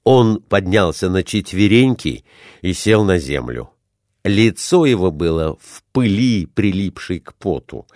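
A man narrating an audiobook chapter in an expressive manner, voicing the characters. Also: low voice, a little slow, dry recording, studio quality. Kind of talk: audiobook reading.

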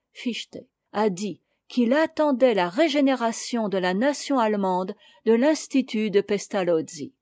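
A woman reading a classic essay aloud as an audiobook reader, in a measured, deliberate way. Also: medium pitch, warm tone, no room sound, studio quality.

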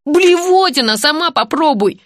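A brash young student sneers and jeers loudly, as a woman puts him on in a storybook reading. The voice sits high and lively, full of crude mockery. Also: normal speed, no echo, clean studio sound. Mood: mocking. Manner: rude, sneering, loud.

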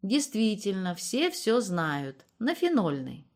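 Woman reading as a guarded young guy, calm and evasive, near her own voice. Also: mid-range voice, slow. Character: reserved young male visitor on business.

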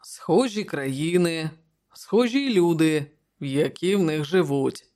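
A narrator reading an audiobook voices a brooding barbarian king from the north in a gruff, grim manner, close to the reader's own voice. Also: medium pitch, animated, slow, a little mellow.

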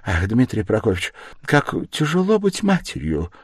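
A man's voice: medium pitch, huge pitch swings, normal speed, husky, no echo, clean studio sound, pitched above the performer's own voice. A man reading aloud voices an anxious, fussing older mother who exclaims in fluster.

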